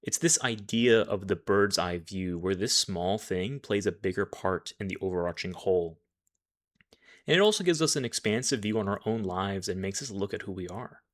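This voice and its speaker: A man who works as a life coach, telling a personal story in a measured, reflective way with occasional self-corrections. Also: low-pitched, a bit bright.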